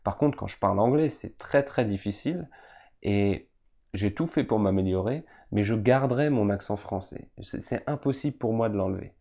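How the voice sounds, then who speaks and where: Calm, mellow-voiced French teacher. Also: male voice, lowish voice. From France. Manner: calm, patient explanation aimed straight at listeners. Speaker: French teacher and podcast host. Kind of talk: podcast answering learners' questions.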